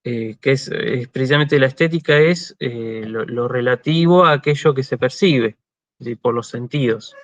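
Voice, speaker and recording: A man's voice: mid-range voice, normal speed, no room sound, dull audio. A man with an Argentine accent gives a university lecture over a video call, explaining patiently and checking in with his listeners. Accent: Argentine Spanish. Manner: explanatory, frequent "¿sí?" check-ins and "este" fillers. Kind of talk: online lecture.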